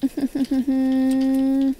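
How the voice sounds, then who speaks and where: A woman giving casual gameplay commentary, mostly hushed and nervous, bursting loud when excited. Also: high voice, drawn-out words, a little hiss or hum. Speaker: gaming YouTuber.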